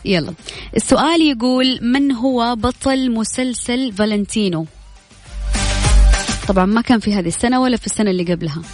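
Brisk and on the high side with a darkish tone, this woman hosts a live radio quiz in a Saudi Hejazi accent. Soft music plays behind her in the studio as she chats, congratulates winners, and reads out questions and prizes.

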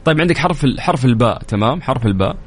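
Saudi guy hosting a radio quiz, talks fast and jokey, bit of hiss behind. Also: medium pitch, animated. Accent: Saudi Arabic. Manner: playful, teasing, counts down quickly. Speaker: radio show host. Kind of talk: radio call-in quiz show. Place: radio studio.

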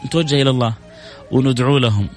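A man's voice: quick pace, faint music behind. Fervent radio preacher, man. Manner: fervent preacher with swings from high exclaiming to low solemn recitation. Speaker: radio religious talk host. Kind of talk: religious radio talk.

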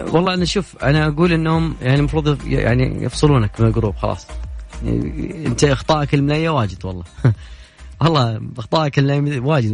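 Fast-talking Saudi radio host man. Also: mid-range voice, darkish tone. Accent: Saudi Gulf Arabic. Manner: chatty, joking, reads listener messages aloud. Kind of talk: casual late-night radio chat. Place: radio studio. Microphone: studio microphone.

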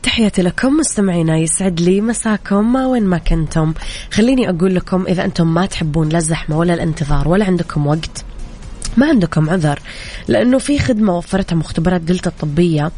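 A woman hosting a radio call-in quiz, friendly and brisk with callers. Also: lowish voice, warm tone, faint music behind. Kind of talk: lively radio call-in show.

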